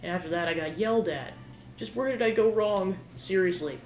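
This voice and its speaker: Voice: mid-range voice, a little fast, close to an everyday voice. A game player voicing a self-pitying, eager teenage boy with a chatty, complaining manner. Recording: roomy echo with game music behind.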